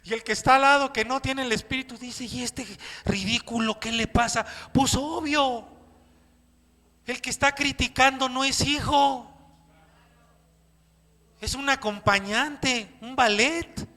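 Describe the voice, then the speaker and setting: High, bright-voiced Mexican pastor preaching. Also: male voice, a little slow, pauses often. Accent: Mexican Spanish. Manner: animated preaching with acted-out quotes and questions to the congregation. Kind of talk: sermon. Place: church hall. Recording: echoey church hall.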